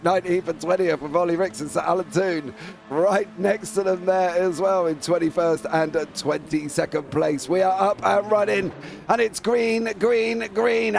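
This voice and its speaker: High-pitched, gravelly male motorsport commentator. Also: a little hiss or hum. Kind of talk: live sim-racing race commentary.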